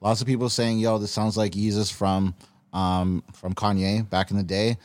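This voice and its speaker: A man co-hosting a casual roundtable podcast, talking in a relaxed way with plenty of fillers and restarts. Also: lowish voice, normal speed, no echo. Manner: laid-back, many fillers and restarts. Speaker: podcast co-host.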